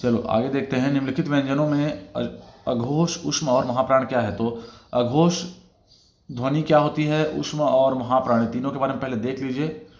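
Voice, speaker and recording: A man's voice: mid-range voice, fairly even intonation, moderate pace, darkish tone, reverberant. A man teaching as an exam-prep tutor, going through test questions one by one and checking in with his viewers as he explains. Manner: explanatory, repeats "theek hai" as filler.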